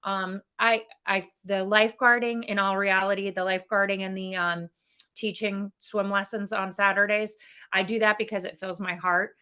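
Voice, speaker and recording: A woman's voice: mid-range voice, moderate pace, smooth. A woman guest in a casual interview, talking candidly and energetically with frequent laughs. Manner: energetic and candid, laughs often, many restarts. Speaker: guest, business executive.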